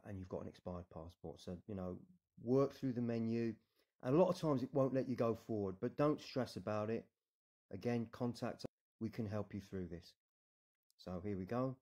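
Casual British man, low mellow voice. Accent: British English. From United Kingdom. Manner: casual, reassuring, frequent tag "yeah?". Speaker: immigration adviser. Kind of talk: screen-recorded tutorial walkthrough.

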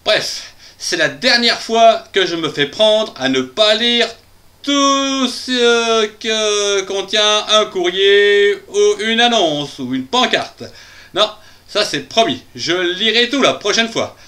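A man voicing a cheerful little male bear who teaches spelling in a children's phonics lesson, spelling words out slowly syllable by syllable and chuckling often. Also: high-pitched, expressive, bright, forceful tone, exaggerated voice.

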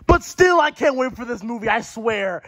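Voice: mid-range voice, expressive, pitched above the performer's own voice. Sonic, voiced as a hyper hedgehog. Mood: thrilled. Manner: gushing, rapid questions, shouting. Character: hyper excitable male cartoon hedgehog. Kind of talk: fan cartoon voice acting.

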